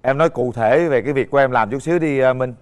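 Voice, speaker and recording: A man's voice: medium pitch, quick pace, darkish tone, clean tone. A man hosting a dating show, coaxing and teasing the guests. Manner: coaxing, playful. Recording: TV studio with music.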